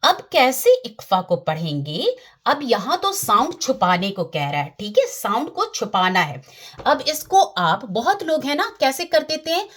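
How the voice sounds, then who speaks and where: A woman's voice: fairly high pitch, sing-song, measured pace. A woman teaching Quran recitation in a patient lesson, often checking that her listeners follow and demonstrating the sounds herself.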